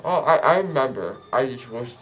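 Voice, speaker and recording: A man's voice: medium pitch, expressive, moderate pace, fairly bright tone, soft background music. A teenage boy chatting casually and ramblingly after wisdom teeth removal, muffled by gauze in a numb mouth. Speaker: patient just out of wisdom teeth surgery. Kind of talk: casual chat. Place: small dental clinic room. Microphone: phone held close by someone else.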